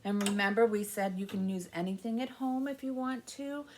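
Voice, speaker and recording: Rhymes and songs fill a library baby story time led by a woman in her fifties, who speaks and chants in an exaggerated sing-song manner. Her medium-pitched voice keeps a fairly even intonation at a moderate pace. The setting is a small room with an alphabet backdrop, with faint noise behind her.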